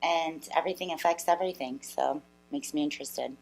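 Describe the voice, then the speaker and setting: A young woman from Brazil co-hosting a political talk show. Her voice sits a little low for a woman. Her answers are short and blunt. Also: brisk, gravelly, a little mellow, poor audio. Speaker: co-host.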